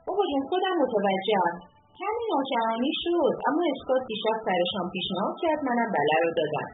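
A woman voicing an upset, indignant young woman in a read-aloud story, with high, shrill protests. The recording is tinny, with music behind. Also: very animated, reverberant, close to an everyday voice.

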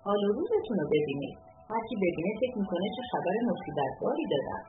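A woman voicing an upset, indignant young woman in a read-aloud story, with high, shrill protests. The recording is tinny, with music behind. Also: sing-song, reverberant, noisy background, close to an everyday voice.

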